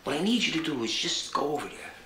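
A gruff, impatient mob boss in a sitcom. His voice swings widely. A roomy echo and noise surround it. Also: fairly high pitch, very animated, quick pace. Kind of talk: sitcom acting.

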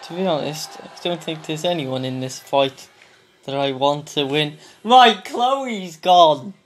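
A man giving casual, excitable commentary over a video game, exclaiming loudly at the action. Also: fairly high pitch, measured pace, slight background noise. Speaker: gameplay commentator. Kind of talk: casual let's-play commentary.

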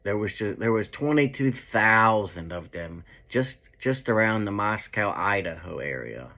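A young man commenting casually on news clips, talking back to them with hesitant restarts, in a dark room indoors. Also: lowish voice, animated, measured pace. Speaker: true crime commentator.

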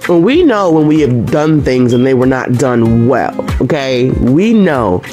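A woman's voice: a bass voice, big pitch swings, a little slow. Middle-aged woman, earnest faith chat in home kitchen, camera across room, music under. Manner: earnest, conversational, preachy. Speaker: homemaking vlogger. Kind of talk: casual faith talk while cooking. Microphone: fixed camera across the kitchen. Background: background music.

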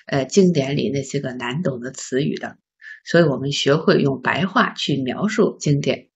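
A woman teaching a beginner English lesson, patiently asking learners questions and sounding out words slowly. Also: sits low, darkish tone, husky. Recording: slightly dull lo-fi recording.

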